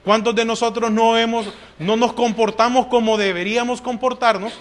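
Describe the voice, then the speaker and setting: A man's voice: very high-pitched, level tone, normal speed. A man with a Salvadoran Spanish accent preaching a sermon in church, asking the congregation questions and answering them with frequent "amén".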